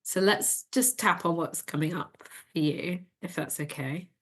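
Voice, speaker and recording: A woman leads an emotional tapping session in a gentle, steady way. Her voice sits a little low, and she gives short phrases one by one for her partner to echo back. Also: measured pace. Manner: calm, gentle instructions, giving phrases to repeat. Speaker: EFT tapping practitioner.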